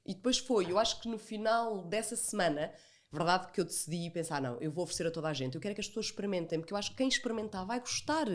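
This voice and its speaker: A woman entrepreneur with a European Portuguese accent, appearing as a podcast guest, tells stories animatedly in an interview. Her medium-pitched, slightly mellow voice is chatty, and she acts out remembered dialogue and repeats phrases for emphasis.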